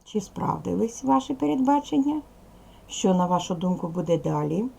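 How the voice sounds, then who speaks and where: A woman teaching a primary school class in a recorded video lesson, speaking clearly and patiently straight to the pupils. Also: fairly low pitch, animated, normal speed, mellow.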